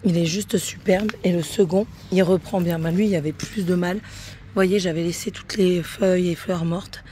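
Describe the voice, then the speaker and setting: A woman's voice: lowish voice, fairly even intonation, moderate pace, warm tone, a little hiss or hum. A woman chatting casually to her phone camera outdoors in a garden, swearing freely and getting heated as she talks. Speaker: vlogger.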